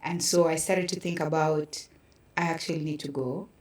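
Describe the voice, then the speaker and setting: The audio is roomy and echoey, the mic distant from this podcast guest, an artist with a Kenyan accent. In her low, slightly mellow voice she gives personal testimony at normal speed with fairly even intonation, sounding earnest and reflective in the conversational interview.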